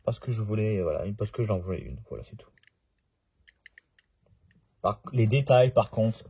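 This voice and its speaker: A man's voice: lowish voice, lively intonation, moderate pace, vocal fry, mellow, slightly rough. A man talking casually in a home vlog about his toy car collection, chatty and jokey, often interrupting himself.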